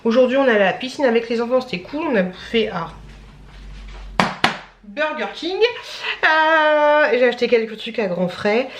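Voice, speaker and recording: Chatty woman vlogger, high voice. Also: lively intonation, moderate pace, long pauses, a little hiss or hum. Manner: chatty, rambling, acts out phone calls. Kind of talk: casual chat. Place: at home.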